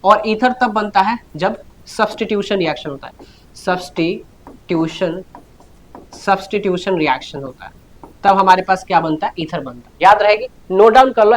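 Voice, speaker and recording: A man's voice: high voice, a little mellow. A man teaching a chemistry lecture, repeating key words, asking questions and answering them himself, and often telling students to listen carefully and note things down. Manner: repetitive, answers his own questions, keeps urging students to note down. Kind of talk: classroom lecture.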